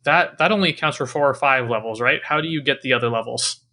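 A man's voice: medium pitch, fast, bright, forceful tone. A man talking casually and analytically about a video game as a podcast co-host.

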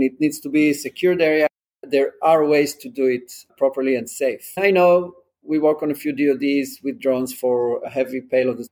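A man's voice: mid-range voice, darkish tone. A man from Israel, a drone company founder answering interview questions in an earnest, practical way and explaining with concrete examples.

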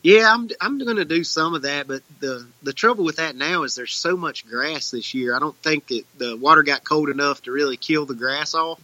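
Bright, forceful man. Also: fairly high pitch, normal speed, hardly any pauses, no echo, poor audio. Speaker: guest, tournament bass angler. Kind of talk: casual interview chat about fishing.

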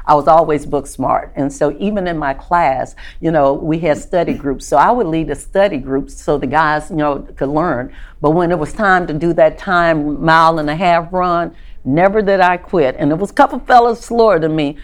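A woman's voice: sits low, normal speed. A retired woman law enforcement agent with a Tennessee Southern accent, telling her story in an interview with confident, upbeat emphasis. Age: older. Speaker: retired Secret Service agent, guest.

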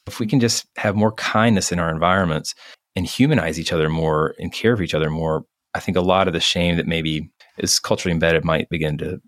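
A middle-aged man with a very low, deep voice talks earnestly and thoughtfully, weighing each point. The recording is dry and close, with no room sound. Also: no echo. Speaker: physician guest. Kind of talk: reflective interview talk.

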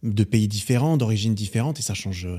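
A man's voice: on the low side, brisk, warm tone, slightly rough. A man guesting on a podcast, talking in a thoughtful, hesitant way and often restarting his sentences. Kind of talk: casual podcast chat.

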